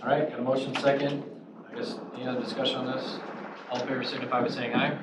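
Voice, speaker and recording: A man's voice: medium pitch, flat delivery, quick pace. A man chairing a county board meeting in a plain, procedural way, speaking through a face mask. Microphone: masked, speaking at a table mic. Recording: distant, dull, noisy, echoey meeting room.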